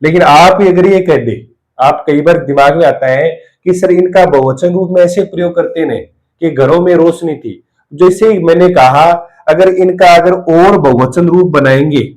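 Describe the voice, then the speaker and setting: Male grammar teacher, slightly raised pitch, drills and repeats examples for exam students. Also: darkish tone, rough recording. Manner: repeats key terms, drills example sentences slowly. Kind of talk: exam-prep grammar lesson.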